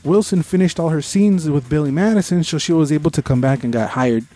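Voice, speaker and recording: Over soft background music, this podcast co-host shares informal, opinionated reviews mixed with trivia. His warm voice sits a little high, and he speaks fairly quickly.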